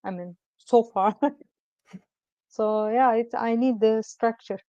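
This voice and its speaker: A woman's voice: on the high side, fairly even intonation, takes it slowly, mellow, no room sound. A middle-aged woman from Turkey with a Turkish accent, a guest astrologer chatting over a video call in a hesitant, rambling way full of "I mean, like.". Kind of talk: casual interview chat. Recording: dull lo-fi sound.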